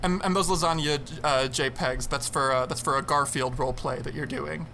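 A man's voice: fairly high pitch, steady tone, a little fast, bright, forceful tone, slight background noise. A man co-hosting a casual podcast, rambling and restarting his sentences as he plugs the show. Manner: rambling, repeats words and restarts often. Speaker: podcast co-host.

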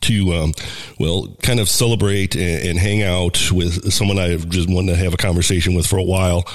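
A man's voice: sits low, normal speed. A radio host with a stuffy, nasal voice from a cold, chatting casually and filling gaps with ums as he introduces his guest. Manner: relaxed, lots of ums and uhs. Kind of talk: casual interview chat.

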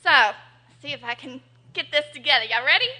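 A woman on a poetry cafe stage, talking nervously between halting pauses and performing spoken-word poetry. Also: high voice, expressive, bright, forceful tone. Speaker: performing poet.

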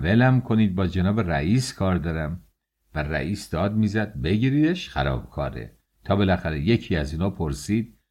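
A man narrating a first-person audiobook in a lively, colloquial storytelling manner. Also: deep voice, breathy edge.

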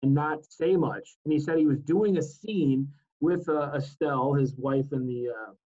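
A man in his forties co-hosting a casual talk show, telling stories in an easygoing way with halting fillers. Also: fairly high pitch, warm tone. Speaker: co-host. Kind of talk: casual chat. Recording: dull lo-fi sound.

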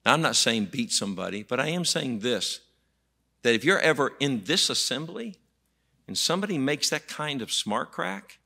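A man preaching, his voice bright and forceful. He speaks to the congregation in a folksy, emphatic way, circling back on repeated words as he drives each point home. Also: medium pitch, expressive, moderate pace, creaky. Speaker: pastor. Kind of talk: sermon.

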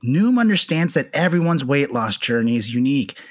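A man's voice: mid-range voice, brisk, no echo. Man reading an ad, dry close sound. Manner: smooth, even promotional delivery. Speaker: ad reader. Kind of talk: scripted ad read.

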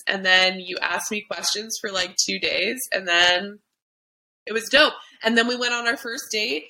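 Bright, teasing young woman host. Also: mid-range voice, poor audio. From South Florida. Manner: playful, teasing, laughs often. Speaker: podcast host. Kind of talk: casual podcast chat.

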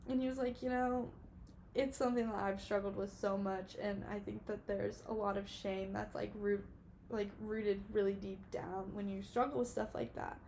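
A woman in her early twenties hosts a casual solo podcast in a gravelly, slightly mellow mid-range voice, flat in delivery and moderate in pace, over a little hiss or hum. She rambles emotionally and fills her talk with "like".

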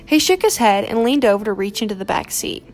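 A woman narrating a romance novel aloud in a steady, measured reading voice. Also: mid-range voice, faint music behind. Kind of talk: scripted audiobook narration.

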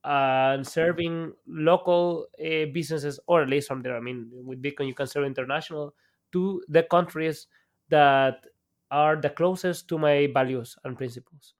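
A Salvadoran entrepreneur appears as a guest on a podcast interview over a video call, talking with lots of fillers and restarts. His voice is a little high, steady in tone, at a moderate pace.

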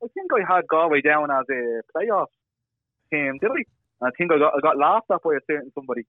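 Male co-host, rapid casual banter, dry narrowband radio-like connection. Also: on the high side, sing-song, no room sound. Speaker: podcast co-host. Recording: tinny band-limited radio-like line.

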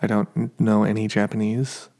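A man's voice: lowish voice, monotone, normal speed, mellow. A man with an American accent hosting a podcast in a casual solo chat. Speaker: podcast host.

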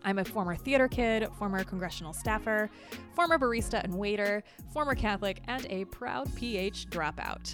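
Upbeat woman host over music. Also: mid-range voice. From Indiana, US. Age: 30s. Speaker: podcast host and book club founder. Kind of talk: prepared self-introduction. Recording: podcast with music underneath.

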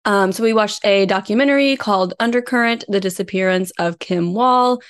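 A woman co-hosts a true crime podcast, her mid-range voice brisk and clean in tone. Working from researched notes, she narrates the case informally and conversationally, mixing it with casual chat.

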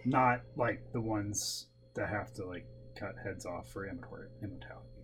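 A podcast co-host with a fairly low voice talks at a normal speed about ghost stories, joking and teasing in casual chat. Music plays in the background, along with clear background noise and a hum.

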